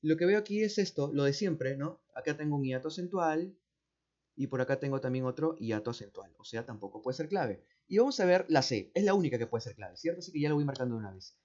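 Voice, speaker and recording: A man with a Peruvian accent walks through exam answers like a patient teacher, going slowly and repeating key words. His voice sits a bit high for a man. The recording sounds dull and muffled. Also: expressive, darkish tone. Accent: Peruvian Spanish. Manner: slow, repeats words, asks "¿no?" and "¿cierto?" often. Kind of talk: explaining exam answers step by step.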